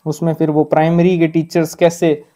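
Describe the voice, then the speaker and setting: A man's voice: on the high side, level tone, moderate pace, mellow. Man teaching spelling rules, repeating "ठीक है". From Rajasthan. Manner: repeats points with frequent "ठीक है" check-ins; drills correct pronunciations, contrasting right and wrong forms. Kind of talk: exam-prep grammar lesson.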